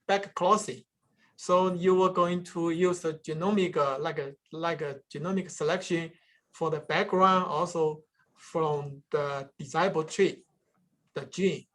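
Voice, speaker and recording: A man answering questions after his research seminar, speaking haltingly with many restarts and fillers. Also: sits high, a bit bright. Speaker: guest speaker, peanut breeding researcher.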